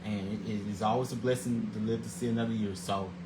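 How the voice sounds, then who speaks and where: A man in his forties hosts his own daily video show, a casual scripted vlog where he reads segments aloud fast in a lowish, fairly even voice. His greetings are earnest and religious, he often repeats and restarts words, and background noise is present.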